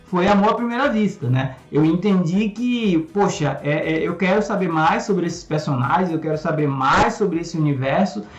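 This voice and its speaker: Guy on a video call, echoey muffled sound, thoughtful and explaining slowly with lots of fillers. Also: high-pitched, soft background music. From Salvador, Brazil. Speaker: guest, comics channel host. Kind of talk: casual explanatory chat.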